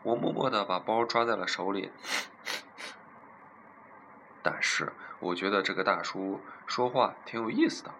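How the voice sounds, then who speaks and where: A man's voice: on the low side, lively intonation, brisk, bright, forceful tone, slight background noise, low-quality recording. A young man from eastern China telling a funny story in a playful, amused way. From Zhejiang, China. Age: young adult. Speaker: vlogger. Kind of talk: casual storytelling.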